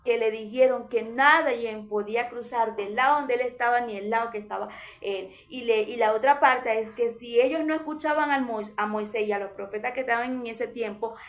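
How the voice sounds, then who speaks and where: A woman preaching a sermon in an earnest, conversational way, with frequent restarts and pauses. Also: fairly high pitch.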